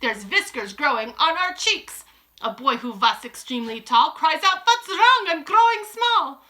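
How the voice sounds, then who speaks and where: A woman acts out a wicked old storybook witch, shouting in a high, piercingly sharp voice at a moderate, expressive pace. Imperious and gloating, she turns broken-grammar commands into a triumphant sing-song chant during a dramatic read-aloud.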